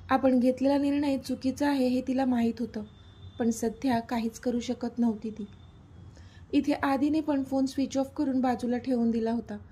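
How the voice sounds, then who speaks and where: Husky woman narrating a story. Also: high-pitched, mellow.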